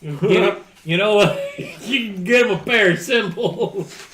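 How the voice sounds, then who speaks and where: A man's voice: high voice, moderate pace, fairly bright tone, a little hiss or hum. A man joking and laughing with friends as a player in a tabletop role-playing game, with a slightly stoned-sounding drawl. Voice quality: sounds like a stoned drawl, by his own account. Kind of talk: casual tabletop game chat.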